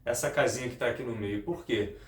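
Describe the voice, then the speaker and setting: Male guitar teacher, mid-pitched, talks viewers through scales, echoey room with soft guitar. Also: brisk, slight background noise. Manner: explains step by step, repeats key points, addresses viewers directly. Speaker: music teacher. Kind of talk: guitar lesson. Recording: roomy, with guitar playing.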